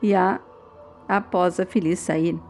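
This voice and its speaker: Mellow woman recapping a soap. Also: on the low side, takes it slowly. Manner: steady retelling, reads every character's lines plainly. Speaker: soap-opera recap narrator. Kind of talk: recapping a dubbed soap episode. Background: faint music.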